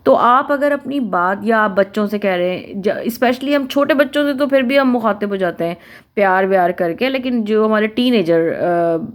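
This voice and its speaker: A woman from Pakistan giving a conversational talk on family relationships, listing points one by one and acting out what people say. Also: mid-range voice. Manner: conversational, repeats and lists points, acts out quoted speech. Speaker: Islamic family-life speaker.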